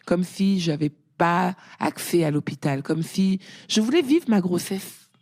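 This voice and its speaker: Gravelly-voiced woman telling her story. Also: lowish voice, measured pace. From France. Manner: lively storyteller, rising when quoting others. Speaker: guest. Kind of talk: casual interview talk.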